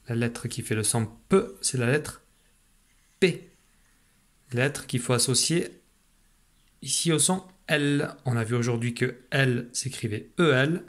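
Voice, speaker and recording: A man teaching a remote lesson to young children, patient and slow, repeating syllables for a dictation. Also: mid-range voice, fairly bright tone. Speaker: primary school teacher.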